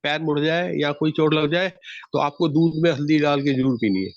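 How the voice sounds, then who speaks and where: A man with a notably high voice leads an online group session over a video call. He talks in a loose, halting way, restarting his sentences and cutting others off with a repeated no. The call audio is dull and lo-fi. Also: no echo. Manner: frequent restarts, interrupts with repeated no. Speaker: session leader.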